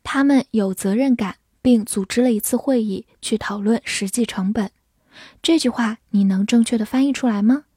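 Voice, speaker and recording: A woman teaching English words in a scripted lesson, spelling them letter by letter and reading example sentences slowly for the listener to repeat. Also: on the high side, dark tone, breathy edge, dry recording, studio quality.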